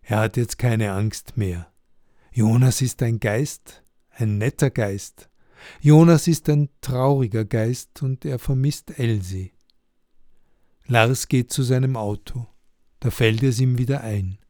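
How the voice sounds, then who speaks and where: A man's voice: medium pitch, slow, mellow, no echo, studio quality. A man narrating a simple ghost story for learners in plain, short sentences.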